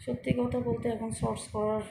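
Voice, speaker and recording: A middle-aged woman vlogging casually at home, speaking softly and slowly in a calm way. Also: a little high, creaky. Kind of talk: casual personal vlog talk. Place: room at home. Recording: echoey room with loud background noise.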